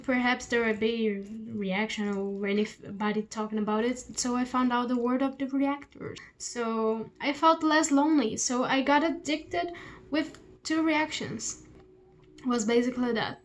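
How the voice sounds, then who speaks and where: Eating as she talks, this young vlogger from Brazil rambles chattily to the camera from the room she grew up in at her parents' house. She speaks Portuguese natively and has a Brazilian Portuguese accent. Her voice is high, and the recording sounds rough.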